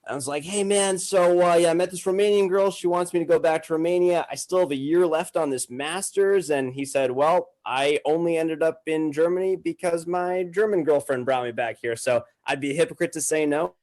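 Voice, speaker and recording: A podcast guest in his twenties from Massachusetts, United States, with an American accent, tells stories in casual, slangy conversation. His voice is a little high with a darkish tone, and he talks a little fast with hardly any pauses.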